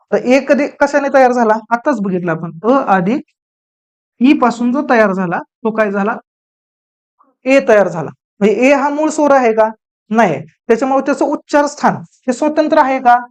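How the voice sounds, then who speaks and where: A woman's voice: high voice, darkish tone. A woman giving an exam-prep grammar lecture, asking questions and answering them herself while repeating the key terms. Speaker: grammar teacher.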